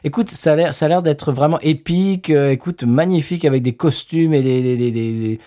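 A man's voice: fairly high pitch, fairly quick, mellow. A man co-hosting a podcast in casual chat, rambling with lots of hesitations and restarts. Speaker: podcast co-host.

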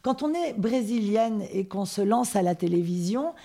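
A woman's voice: medium pitch, animated, normal speed, vocal fry, dark tone. A woman hosting a podcast interview, asking questions and paying her guest compliments. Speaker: podcast host.

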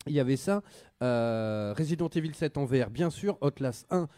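A man's voice: medium pitch, expressive, normal speed, mellow, no room sound. A man hosting a casual radio show about video games, slangy and rambling with lots of fillers. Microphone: studio microphone.

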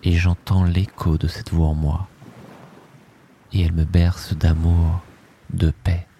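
A man leading a guided sleep hypnosis in a soft, soothing, hushed voice, in short drifting phrases that often sink into a breathy whisper. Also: sits low, little pitch movement, takes it slowly, slight background noise.

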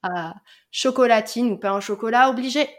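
A woman's voice: on the high side, normal speed. A woman hosting a podcast, chatting casually and playfully with a guest and laughing often. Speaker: podcast host.

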